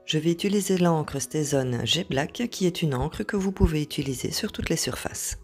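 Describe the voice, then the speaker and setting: A woman hosting an art journal tutorial, explaining each step calmly, with occasional hesitations. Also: low voice, moderate pace, soft background music. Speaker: craft tutorial host.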